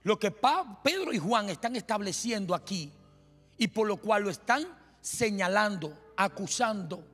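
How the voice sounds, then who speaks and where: A man preaching a sermon in a church, impassioned and often shouting, with joking asides. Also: high voice, expressive, a little slow. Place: church sanctuary. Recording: long hall reverb with faint music.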